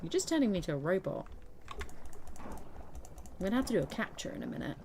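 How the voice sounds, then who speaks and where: A woman's voice: fairly low pitch, wildly swooping pitch, a little fast, creaky, a little mellow, slight background noise. A woman chatting casually and playfully with viewers while streaming a game, throwing in silly beep-boop noises. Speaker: gaming streamer. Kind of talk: casual live gameplay chat.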